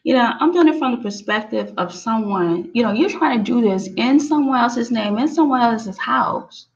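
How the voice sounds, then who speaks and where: A woman's voice: on the high side, lively intonation, normal speed, muffled recording. A woman hosting her own show, talking in a rambling, casual monologue full of restarts and "you know"s.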